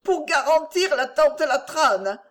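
Scared teary young woman, high and shaky, a woman reading her. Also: animated, slow pace. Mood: frightened. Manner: anxious, tearful. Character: tearful frightened young woman.

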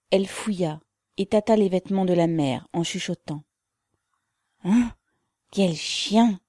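A woman reading a classic novel aloud as narrator, slow and measured. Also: on the low side, no room sound, studio quality. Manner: slow, measured, dark-toned.

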